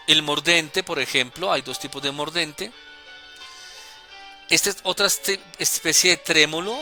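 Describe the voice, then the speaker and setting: A man calmly explaining music notation as a teacher, deliberate and with small hesitations. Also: on the high side. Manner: deliberate, with hesitations and self-corrections.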